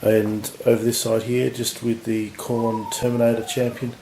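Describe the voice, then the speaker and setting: A man with a husky voice from recent illness, giving relaxed, rambling commentary on a tabletop battle. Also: medium pitch, moderate pace. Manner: relaxed, rambling, lots of fillers. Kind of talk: casual game commentary. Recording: echoey room with faint noise.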